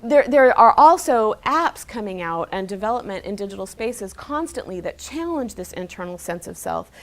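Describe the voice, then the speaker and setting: A woman's voice: medium pitch, very animated, moderate pace. Emphatic woman giving an informal lecture. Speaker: speaker giving a talk on digital life and psychology. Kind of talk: informal public lecture, explanatory.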